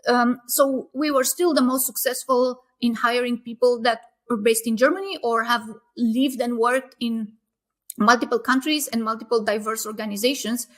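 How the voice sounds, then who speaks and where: A woman, a company founder, answering interview questions in a casual, thoughtful way, often pausing with fillers and restarting phrases. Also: on the high side, fairly even intonation.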